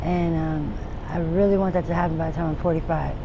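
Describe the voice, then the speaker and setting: A woman's voice: low voice, fairly even intonation, fast talker. A woman in her forties giving a candid street interview, rambling and frank with many restarts and trailing thoughts. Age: 40s. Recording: noisy outdoor street recording with traffic.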